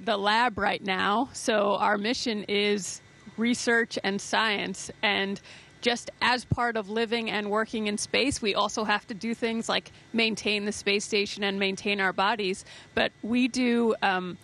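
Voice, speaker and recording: A woman's voice: mid-range voice, fairly bright tone. A woman astronaut giving an informal explanatory interview answer, searching for words as she goes. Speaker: astronaut, flight engineer. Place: inside a space station lab module. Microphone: handheld microphone.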